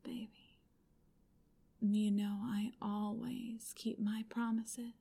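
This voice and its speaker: Slow breathy whispering woman. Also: mid-range voice, little pitch movement, dark tone. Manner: intimate, commanding whisper. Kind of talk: whispered ASMR roleplay.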